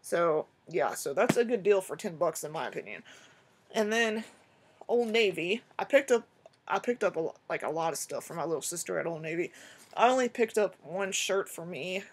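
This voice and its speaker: A young woman talks to her camera in an easygoing, rambling way, full of little fillers and bursts of excitement. Her voice sits a little low for a woman. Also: normal speed, husky. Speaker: vlogger. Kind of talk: casual haul video chat.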